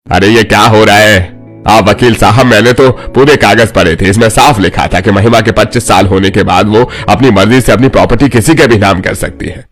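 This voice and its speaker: A man voicing a greedy, abusive middle-aged father in an animated family drama, harsh and threatening. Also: lowish voice, fairly quick, faint music behind, natural voice.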